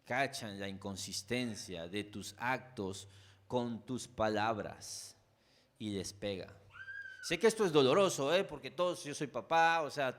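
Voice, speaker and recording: A pastor with a Mexican accent preaches a conversational sermon, speaking directly to his listeners and adding frequent asides. Expressive and unhurried, he swings between loud, emphatic peaks and quiet, low lines.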